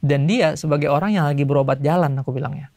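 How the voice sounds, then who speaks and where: A male pastor giving a casual sermon to young people, telling stories in relaxed everyday slang. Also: on the high side, fast talker, no room sound. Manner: chatty storytelling in everyday slang; acts out voices in quotes.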